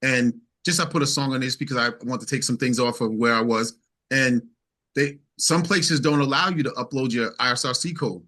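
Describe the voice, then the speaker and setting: With a mid-range voice and a sharp tone, this man speaks a little fast. He's an interview guest and singer-songwriter recounting anecdotes in a casual, emphatic way, repeating phrases and quoting conversations.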